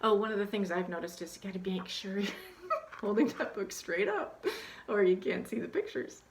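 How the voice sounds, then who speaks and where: Here a teacher trainer, a woman with a mid-range voice and moderate pace, chats informally about reading to children aloud. Frequent ums and restarts mark her speech, and she dramatizes questions for children in a hushed, animated voice.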